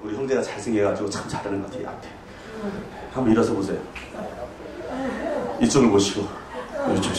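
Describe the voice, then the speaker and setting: A male pastor preaching a sermon, shouting out dramatic reenactments and urging the congregation to join in. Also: on the low side, steady tone, fairly quick, long pauses, heavy reverb, far from the mic, background noise.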